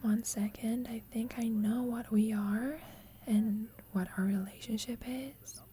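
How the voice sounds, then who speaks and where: A woman plays a shy, lovestruck, insecure young female student, whispering softly and breathily in an intimate ASMR roleplay confession to her roommate. Her slightly high, steady voice sounds natural, mellow and tender as she speaks slowly and hesitantly. She comes across as anxious and yearning, in a confiding manner.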